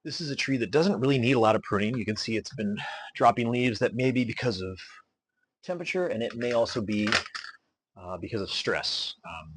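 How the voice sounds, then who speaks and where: A man narrating his bonsai vlog, talking slowly and deliberately with many fillers as he works on his trees. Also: medium pitch, lively intonation, breathy edge. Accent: regional accent. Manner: deliberate, slow, filler-heavy explaining while pruning. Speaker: bonsai hobbyist vlogger. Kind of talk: casual hobby vlog narration.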